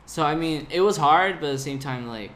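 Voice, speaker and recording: A young man's voice, on the high side and a little fast, carries animated travel stories on a podcast where he's a guest. He's from California, laughs a lot, and uses "like" constantly. The recording has faint background noise.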